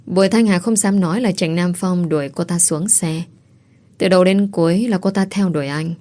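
A woman narrating a romance novel aloud in a steady, even storytelling manner. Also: on the low side, moderate pace. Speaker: audiobook narrator.

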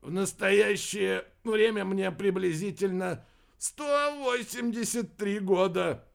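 A man playing a boisterous ancient captain in an audiobook. He booms out every line slowly, in a raised voice, and sounds grand and self-important. The pitch sits high for a man. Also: vocal fry, heavily acted. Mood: booming. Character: boisterous ancient male Serbian captain, loud and pompous. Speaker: audiobook narrator.

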